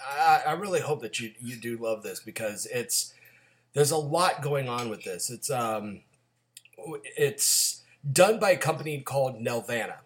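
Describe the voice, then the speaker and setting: Raspy, gravelly male podcast co-host with a cold. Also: medium pitch, expressive, unhurried, a bit bright. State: getting over a cold. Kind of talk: casual film-discussion podcast talk.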